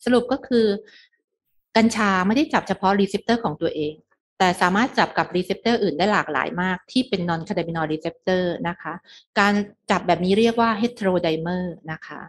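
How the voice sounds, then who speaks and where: A woman's voice: fairly low pitch, measured pace. A middle-aged woman giving a medical lecture, explaining step by step with English terms and frequent polite particles.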